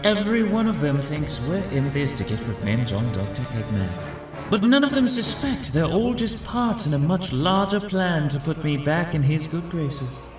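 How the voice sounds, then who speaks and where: A man's voice: a little high, sing-song, moderate pace. A man voicing a vain, scheming villain doctor in a comic dub, with pompous, theatrical, articulate delivery. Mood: grandiose scheming. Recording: music behind the voice.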